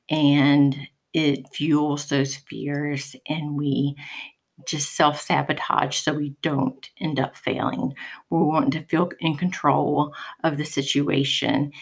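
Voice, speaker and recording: A raspy, hoarse woman hosts her own podcast, talking through the topic calmly and explaining as she goes. Her voice sits low, with a throaty grain to it. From United States. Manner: calm explanatory, occasional ums. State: hoarse from pollen. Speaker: podcast host. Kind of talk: solo podcast talk.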